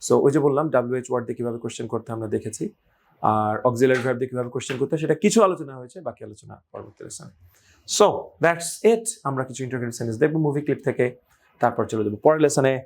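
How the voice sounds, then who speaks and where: A man runs a relaxed English grammar lesson. His voice sits at an ordinary middle pitch, and he talks in a playful, chatty way. He slips English phrases into his explanations. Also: fast. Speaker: English teacher. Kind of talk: casual spoken lesson.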